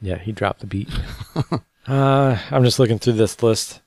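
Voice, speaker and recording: A man co-hosting a podcast, chatting casually and reading out news with a relaxed, rambling manner and a tired edge. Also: mid-range voice, measured pace, no echo. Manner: relaxed, rambling, many fillers. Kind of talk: casual chat.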